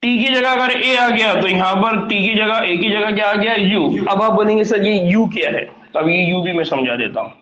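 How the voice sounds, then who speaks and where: A man's voice: high voice, moderate pace, few pauses, crowd noise. A male biology teacher lecturing a classroom, constantly asking his students questions as he explains. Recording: echoey, dull classroom recording.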